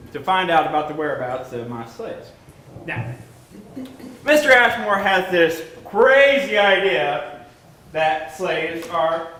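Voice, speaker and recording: A stage actor playing a self-righteous, pompous 1840s slaveholder who lectures the audience in a live play. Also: male voice, on the high side, bright, forceful tone, exaggerated voice. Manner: pompous, indignant, addresses the audience. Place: theatre stage. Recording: echoey stage recorded from far off.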